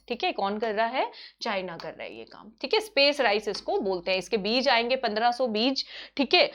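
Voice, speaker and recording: A woman teaches an online current-affairs quiz, moving quickly and repeating each answer so it sticks. Her voice sits a little high, and she keeps checking in with her students. The audio is somewhat dull and lo-fi. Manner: brisk and repetitive, often checking in with "theek hai". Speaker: exam-prep teacher.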